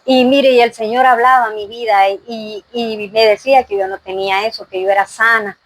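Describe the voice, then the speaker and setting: A woman's voice: fairly high pitch, steady tone, brisk, dry recording, low-quality recording. A woman giving an earnest faith testimony in an interview, full of fillers and "¿verdad?".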